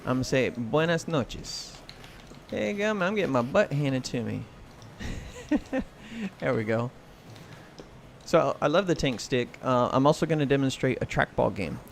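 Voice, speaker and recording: A man's voice: medium pitch, animated, moderate pace, pauses often. An American man hosting a livestream, chatting casually and commenting while he plays. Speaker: livestream host and gamer. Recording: clear noise, game sounds behind. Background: video game sound and clacking arcade buttons.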